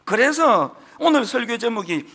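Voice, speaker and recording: A man's voice: very high-pitched, very animated, normal speed. A middle-aged man with a strong Gyeongsang accent, preaching a Sunday sermon as senior pastor in an emphatic way, with folksy asides. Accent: Gyeongsang Korean. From Gyeongsang region, South Korea. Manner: emphatic, rising to forceful peaks, folksy asides.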